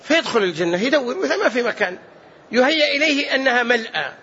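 A man's voice: extremely high pitch, big pitch swings, fast, sharp tone, slightly rough. A male preacher who tells a story in a sermon, acting out its dialogue with dramatic shifts and chuckles, on a dull lo-fi recording.

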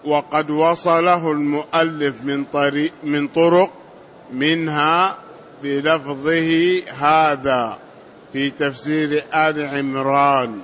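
A man reading a classical religious commentary aloud in a measured, chanting recitation. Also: on the high side, steady tone, a bit bright, highs cut off. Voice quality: reads in a slow chanting lilt.

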